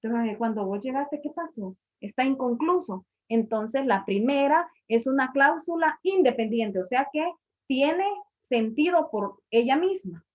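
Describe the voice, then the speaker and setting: A woman's voice: sits high, expressive, a little slow. A woman teaching an English grammar class, patiently explaining and repeating each point in a classroom. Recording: muffled lo-fi recording.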